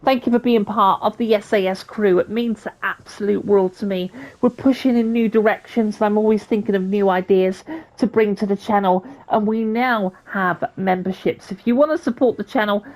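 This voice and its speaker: A woman hosting a trucking game channel, giving her opinion in a chatty, thankful way and sounding a little hoarse. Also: medium pitch, fairly even intonation, moderate pace, darkish tone, poor audio. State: slightly losing her voice. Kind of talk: casual video commentary and sign-off.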